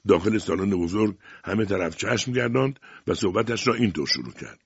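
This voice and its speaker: Male audiobook narrator, very deep, husky, calm and measured, dry sound. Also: no echo, lo-fi sound.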